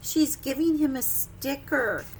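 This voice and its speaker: A woman with a high voice reads slowly at preschool story time. She works through a picture book, adding simple, expressive asides and questions for the young children.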